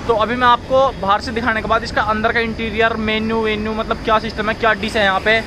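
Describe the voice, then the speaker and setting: A man in his twenties with a western Uttar Pradesh accent chats casually with his vlog viewers, speaking quickly in a high voice with little pitch movement. He's outdoors by a roadside and in a restaurant garden, with a noisy background.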